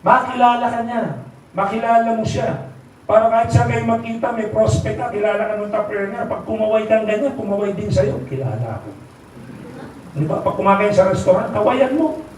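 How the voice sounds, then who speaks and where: A middle-aged man with a Filipino accent rallies a seminar crowd, keeps asking "right?" and mimics the voices he quotes. His voice sits high. It reaches the mic from a distance in a very echoey hall, with a little faint noise behind. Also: steady tone, fairly quick, darkish tone. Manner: rhetorical, keeps asking the audience "di ba?" and "tama?". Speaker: company executive giving a motivational talk. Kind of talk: motivational seminar talk. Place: large hall, live seminar.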